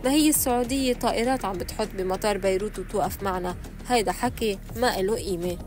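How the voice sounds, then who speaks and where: A woman's voice: mid-range voice, quick pace. A woman reading scripted voice-over narration for entertainment news. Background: soft music.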